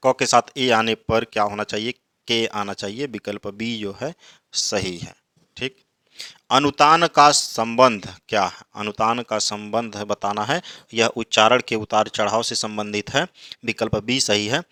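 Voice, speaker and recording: A man's voice: fairly low pitch, sharp tone, no room sound, clean studio sound. A man teaching, reading each exam question and then explaining its answer. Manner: slow drawn-out recitation of verses.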